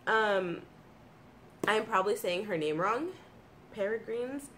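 Congested from allergies, her voice slightly froggy, a thirtysomething American vlogger and streamer talks expressively through a chatty favorites video. She's in a small home room by her computer desk, speaking at a moderate pace in a bit bright, mid-range voice, informal, eager and self-mocking. Background room noise is clearly audible.

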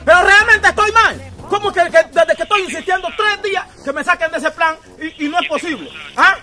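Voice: extremely high pitch, brisk, pushed and bright, soft background music. Someone playing Tío Tulio, a hot-tempered uncle. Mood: exasperated. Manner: stubborn, insistent, raises voice in bursts. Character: hot-tempered older uncle fighting a phone company. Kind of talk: comedy sketch.

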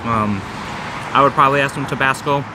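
A man's voice: mid-range voice, fairly even intonation, fairly quick, noisy background. A man casually reviewing his meal in a diner, thinking aloud with plenty of ums and uhs. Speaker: restaurant reviewer. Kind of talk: casual food review vlog.

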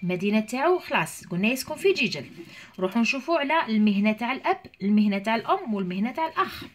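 A woman with an Algerian accent explaining an English exam to pupils. She reads each English sentence slowly and then explains it in dialect. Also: fairly high pitch, big pitch swings. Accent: Algerian Arabic. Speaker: English teacher.

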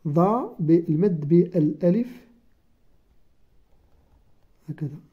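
A teacher with a Moroccan accent giving a first-grade Arabic writing lesson, slowly sounding out letters and syllables one by one. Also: medium pitch, expressive, husky. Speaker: primary school teacher. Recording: dull lo-fi recording.

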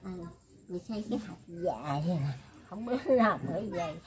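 A woman's voice: on the low side, animated, normal speed, a crowd in the background. An elderly woman talking in a rambling, casual way, often laughing as she speaks. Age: older. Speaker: elderly woman being interviewed.

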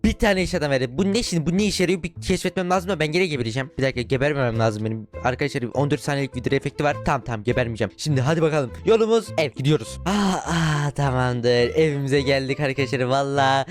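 A young man with a Turkish accent giving excitable gameplay commentary to his viewers, shouting in frustration and cheering during fights. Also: medium pitch, quick pace, hardly any pauses, soft background music. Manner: loud bursts of frustration and cheering while fighting. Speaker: gaming YouTuber.

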